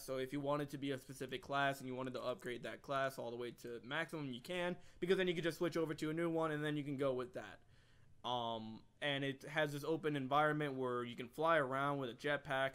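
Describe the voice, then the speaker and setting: A man's voice: medium pitch, fairly quick, fairly bright tone, smooth. A man hosting a casual gaming podcast chat, joking and laughing often. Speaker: podcast host.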